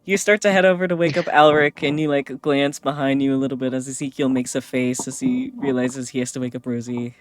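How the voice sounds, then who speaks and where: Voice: medium pitch, steady tone, a little fast, hardly any pauses, faint music behind. Wry, chuckling game master. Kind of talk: narrating a tabletop game.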